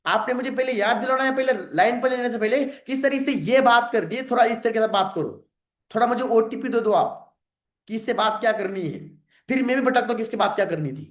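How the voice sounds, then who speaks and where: High-voiced man coaching his team. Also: fairly quick, reverberant. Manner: direct, lecturing, acts out sample phone dialogues. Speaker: sales team mentor. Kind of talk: informal coaching talk to a team.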